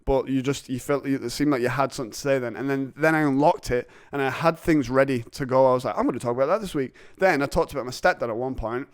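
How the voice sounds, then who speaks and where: A man's voice: mid-range voice, fairly even intonation, fast, few pauses, clear, resonant tone, dry recording, clean studio sound. A man hosting a podcast, chatting in a rambling, jokey, confessional way. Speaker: podcast host. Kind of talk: casual chat.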